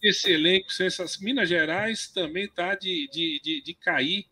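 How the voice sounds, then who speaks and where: Excitable man hosting a live stream. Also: high voice, unhurried. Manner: excited, reads viewer comments and hypes the lineup. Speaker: host. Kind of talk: casual live-stream chat. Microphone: video call. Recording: crowd noise behind the voice.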